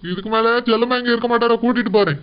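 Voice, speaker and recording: Fast, smooth Tirunelveli village husband for a cartoon; firm, dull lo-fi sound. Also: male voice, extremely high pitch, fairly even intonation. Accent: Tirunelveli Tamil.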